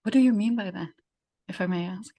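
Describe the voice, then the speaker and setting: Brisk and warm, a medium-pitched woman with a German accent leads a conversational podcast interview. German is her native language, and as host and facilitator she muses reflectively, often hunting for the right word.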